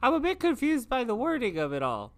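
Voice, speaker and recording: A woman playing a tabletop game, speaking in a lively, questioning way. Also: on the high side, fairly quick. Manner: lively, questioning, laughs often. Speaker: player.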